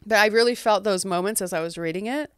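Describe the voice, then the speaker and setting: This thirties-aged guest author, originally from England yet sounding American, speaks softly in a casual interview, frequently laughing and trailing off. She has a medium pitch and a smooth voice, talks at a quick pace, and the studio-quality recording has no echo.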